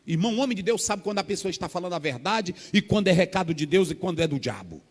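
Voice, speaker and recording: A Brazilian pastor preaches with a high, swinging voice that climbs and drops all over. His sermon rings with long reverb through a big church hall. He talks animated, acting out little scenes. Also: fast. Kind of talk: Pentecostal sermon.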